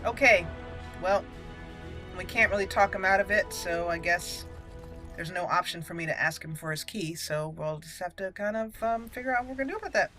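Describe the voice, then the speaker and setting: Speaking a little fast in a pushed, bright, medium-pitched voice, a woman hosts a gaming channel let's play. Her talk is casual commentary as she plays and thinks aloud, with game music behind her.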